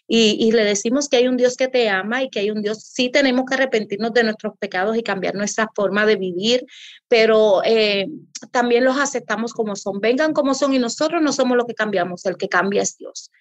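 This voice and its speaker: A woman's voice: fairly high pitch, a little fast, no room sound. A woman pastor speaking earnestly as an interview guest, in a preacherly way that repeats for emphasis. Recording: dull lo-fi audio.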